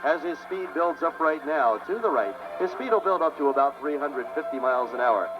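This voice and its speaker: An American man working as an airshow commentator, giving measured, technical announcements over music in a dull outdoor recording. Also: fairly high pitch, lively intonation.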